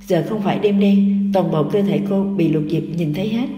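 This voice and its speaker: Nữ người dẫn truyện tình cảm, giọng mềm và tối, đọc thong thả. Micro đặt hơi xa, tiếng vang kéo dài. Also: female voice, lowish voice, normal speed, dark tone, highs cut off, slight background noise. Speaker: audiobook narrator. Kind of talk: scripted romance narration. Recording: roomy echo, distant mic, music.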